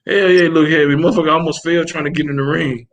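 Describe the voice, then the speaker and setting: A man co-hosting a casual boxing chat, profane and animated, acting out quotes as he tells stories. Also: fairly high pitch, fast. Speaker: podcast co-host.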